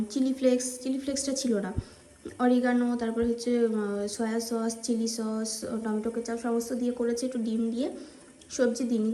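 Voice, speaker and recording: Woman, Bengali accent, hushed vlog chat, rapid talk, echoey kitchen, faint background noise. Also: a little high. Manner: speaking softly so as not to wake the household. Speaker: vlogger. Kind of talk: casual daily vlog. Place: home kitchen.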